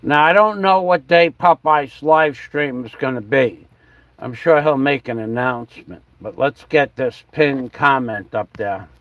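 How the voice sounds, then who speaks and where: Speaking unhurriedly in a mid-range voice, this man hosts a wandering livestream chat, spelling out words one letter at a time while tinkering with his camera. He's from the New York–New Jersey region, and the audio has no echo but its highs are cut off.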